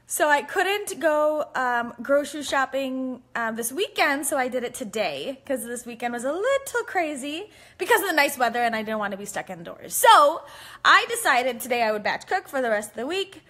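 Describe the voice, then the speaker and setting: A bright, forceful woman's voice with a high pitch and wide swings in intonation, at a normal speed. She's an American in her thirties, a family physician and cooking vlogger, chatting casually on a live stream from her home kitchen and rambling with lots of ums and frequent laughter. Her phone is held at arm's length as the microphone.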